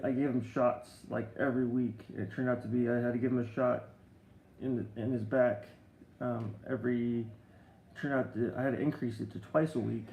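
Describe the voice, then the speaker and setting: A middle-aged man chats casually on a live stream, his voice gravelly with fry. He tells rambling stories full of restarts and answers viewer comments, and the audio sounds roomy. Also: medium pitch, warm tone, slight background noise. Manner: rambling storytelling with many restarts and fillers.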